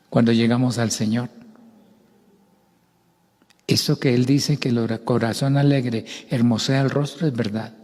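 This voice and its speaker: Older Colombian preacher in a reverberant church. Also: male voice, medium pitch. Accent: Colombian, Bogotá. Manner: expressive, acts out crowd shouts and voices. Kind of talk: sermon.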